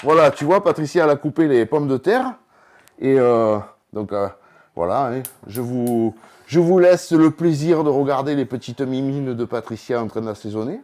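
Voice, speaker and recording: A man's voice: medium pitch, expressive, normal speed, darkish tone, soft background music. A man hosting a casual home cooking vlog, talking chattily straight to the viewer. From southern France. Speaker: cooking video host. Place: home kitchen.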